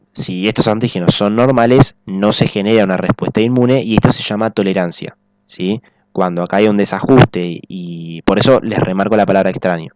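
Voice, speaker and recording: A man's voice: lowish voice, darkish tone, no room sound. Man teaching biology, dry sound. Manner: explanatory, checks in with frequent "¿sí?". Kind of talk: recorded biology lecture.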